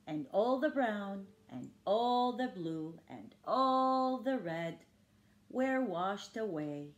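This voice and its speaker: An older woman reads a picture book aloud to young children in an exaggerated sing-song, pausing to ask them questions. Her medium-pitched voice is animated and slow. The muffled recording comes from a living room and sounds roomy and homemade.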